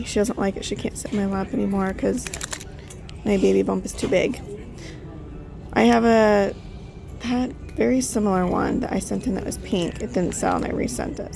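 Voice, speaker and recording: A woman's voice: mid-range voice, creaky. A woman narrating a casual thrift vlog as a reseller, chatting and thinking aloud with frequent fillers. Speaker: reseller vlogger.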